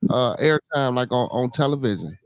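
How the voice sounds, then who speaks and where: A man's voice: medium pitch, expressive, normal speed, no echo. A man with a Chicago accent hosting a casual live-stream podcast, talking in a loose, slangy, laid-back way and often tagging on "man". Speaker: podcast host.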